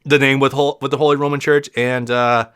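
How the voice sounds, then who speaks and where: A man's voice: mid-range voice, little pitch movement, a little fast, fairly bright tone, clear, resonant tone. A man with a lisp giving casual, rambling gameplay commentary as a let's play host, swearing freely and restarting his sentences often. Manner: rambling, profane, frequent restarts.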